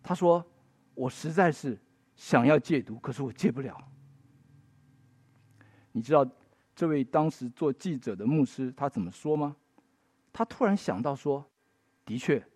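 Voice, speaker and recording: A man's voice: mid-range voice, darkish tone, dry recording. A man preaching a sermon in Mandarin, telling stories with folksy tag particles and rising to emphatic bursts. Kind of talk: sermon with storytelling.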